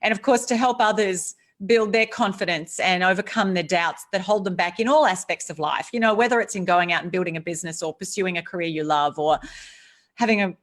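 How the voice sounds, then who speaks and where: Speaking fairly quickly in a voice on the low side, this middle-aged Australian-accented author chats casually in a video-call interview. She's earnest and reflective, and often restarts what she's saying.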